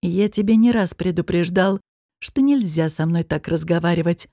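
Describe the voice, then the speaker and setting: Woman reader playing a scornful, cool male demon, unhurried and mocking; audiobook. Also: fairly low pitch, mellow, no room sound, studio quality.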